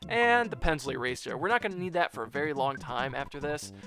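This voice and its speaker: A man hosts a let's play in a fairly high voice with lively, swinging intonation. He rambles casually to viewers over faint background music. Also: fast talker. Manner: rambling, chatty, addresses viewers as guys. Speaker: gameplay video host.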